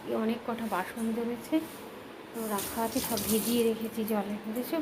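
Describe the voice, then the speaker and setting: A woman's voice: fairly high pitch, flat delivery. Tired woman vlogging from her kitchen. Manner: speaks slowly and quietly. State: tired and unwell. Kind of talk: casual cooking vlog talk. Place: home kitchen. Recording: loud background noise.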